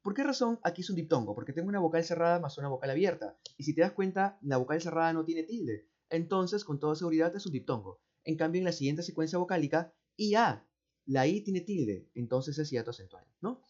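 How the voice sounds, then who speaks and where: A man with a Peruvian accent walks through exam answers like a patient teacher, going slowly and repeating key words. His voice sits a bit high for a man. The recording sounds dull and muffled. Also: lively intonation, darkish tone. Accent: Peruvian Spanish. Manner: slow, repeats words, asks "¿no?" and "¿cierto?" often. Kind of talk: explaining exam answers step by step.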